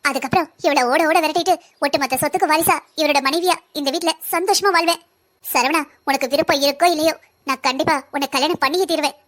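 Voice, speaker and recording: A woman's voice: sits high, quick pace, a bit bright. A woman voicing a scheming, manipulative young woman in a cartoon, wheedling and threatening by turns. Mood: gloating. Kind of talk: cartoon voice acting.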